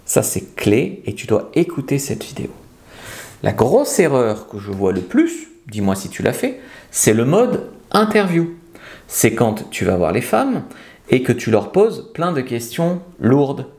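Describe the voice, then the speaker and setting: A man's voice: mid-range voice, sing-song, measured pace, a little mellow. A man coaching viewers on how to talk to women, speaking bluntly and emphatically straight to the viewer and sometimes acting out pickup lines. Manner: acts out nervous and confident pickup lines. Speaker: seduction coach. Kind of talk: direct-to-camera advice video.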